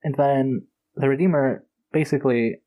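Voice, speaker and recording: A man co-hosts a casual podcast about fantasy novels. His voice sits at an ordinary middle pitch, and he talks in a loose, rambling way. He gets worked up about the story and peppers his talk with "like", "you know" and the occasional curse. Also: steady tone, normal speed, phone-quality sound. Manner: rambling and enthusiastic, with frequent fillers and swearing. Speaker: podcast co-host. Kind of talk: casual book discussion.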